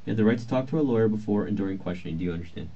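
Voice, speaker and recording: Speaking rapid-fire in a lowish, dark-toned voice, a male police detective interviews someone politely, procedurally and reassuringly. The old interrogation tape is muffled and lo-fi with a faint hiss.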